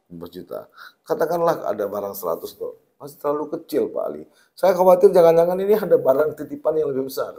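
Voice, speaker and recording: A man's voice: on the high side, lively intonation, fast, warm tone. Probing male interviewer, hesitant. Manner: probing, thinking aloud with hesitations. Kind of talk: conversational interview.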